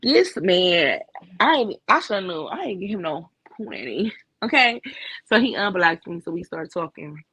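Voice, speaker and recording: A woman's voice: fairly low pitch, big pitch swings, moderate pace, sharp tone, slightly rough, no room sound, low-quality recording. Co-host, woman, chatty and blunt, recorded dry with no room sound. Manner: candid, profane storytelling with lots of fillers. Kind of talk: casual chat.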